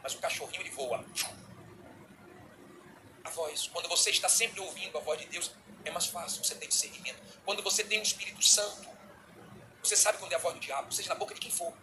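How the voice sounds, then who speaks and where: A middle-aged man with a Brazilian Portuguese accent preaching a sermon as a bishop, animated, acting out little dialogues. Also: high-pitched, quick pace, long pauses, noisy background.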